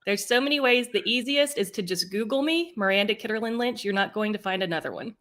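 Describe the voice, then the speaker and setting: A woman's voice: medium pitch, fast talker, fairly bright tone. A woman co-hosting a podcast, chatting casually in a playful, friendly way. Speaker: podcast co-host. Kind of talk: casual chat.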